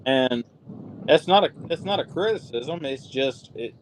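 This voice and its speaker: A man with a Southern drawl chats casually, blunt and ribbing. His voice sits at an everyday pitch. A faint noise hums under it. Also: lively intonation, a little slow, rough recording. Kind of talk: casual chat.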